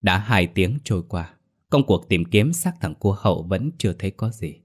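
Deep-voiced storyteller. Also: male voice, animated, moderate pace. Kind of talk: ghost story narration.

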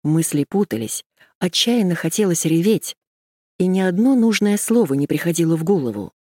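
A woman reading a first-person novel aloud in a measured, tense storytelling manner. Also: lowish voice, animated, dark tone, no room sound, studio quality. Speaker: audiobook narrator. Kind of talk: first-person audiobook narration.

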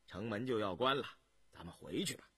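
A man doing a calm, mild-mannered young prince. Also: fairly low pitch, a little fast, breathy edge, no echo.

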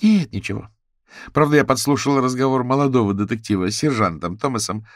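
A man's voice: medium pitch, quick pace, no room sound, studio quality, voice pushed up, close to an everyday voice. A man voicing a flamboyant, chatty rich socialite woman in an audiobook, in a gushing, theatrical way. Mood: gossipy.

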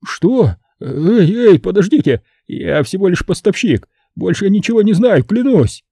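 A man doing a shrill, panicky pimp. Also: lively intonation, a little slow, gravelly, mellow, slightly rough, no echo, clean studio sound, exaggerated voice. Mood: panicked pleading. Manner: panicky, high-pitched, begging. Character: terrified pleading male pimp and bar owner.

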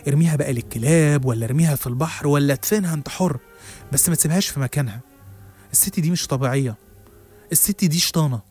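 Man doing a frightened old ambulance driver, Egyptian accent, quick speech, slightly high voice. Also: darkish tone, breathy edge, soft background music. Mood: grave warning. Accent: Egyptian Arabic. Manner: grave, warning, sudden angry outbursts. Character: weary older male ambulance driver, frightened.

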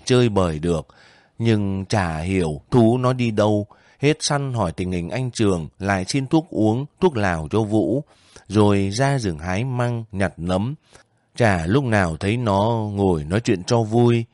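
A man with a lowish voice narrates a story in a steady, measured way. The recording is dry and close, with no room sound. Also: no echo. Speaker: audiobook narrator. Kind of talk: scripted narration.

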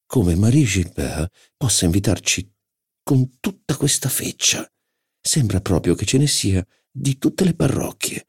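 A man's voice: fairly low pitch, expressive, unhurried, a little mellow, slightly rough, pitched above the performer's own voice, full character voice. A man reading an audiobook, voicing a haughty, insolent aristocratic duchess with a drawling, incredulous, mocking manner. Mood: disdainful. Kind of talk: audiobook character voice.

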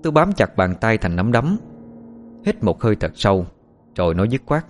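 A man narrating a first-person story in a steady, calm storytelling manner. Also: lowish voice, normal speed, faint music behind.

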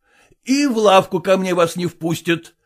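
A man voicing a smug, old-fashioned merchant who speaks in an obsequious, drawn-out way. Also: sits high, animated, pitched above the performer's own voice. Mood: placating. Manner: obsequious, drawn-out, adding a polite "-s".

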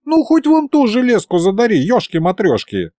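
A doddering old skeleton sorcerer, cranky and wheedling, his voice pushed high and whining as he begs; a man acts him out. The delivery swings widely in pitch. The recording is dry and close. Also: wildly swooping pitch, moderate pace, dark tone, no room sound. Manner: whiny, pleading.

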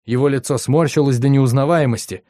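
A man narrates an audiobook in a steady, even voice of middle pitch. The recording is dry and close, with no room sound around the voice. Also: fairly quick, no echo. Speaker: audiobook reader.

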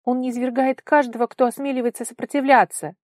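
A woman voicing a timid young sky-dwelling girl in a storybook reading, speaking in an anxious, hushed way. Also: sits high, flat delivery, a little fast, no room sound, clean studio sound, pitched above the performer's own voice, natural voice. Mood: fearful.

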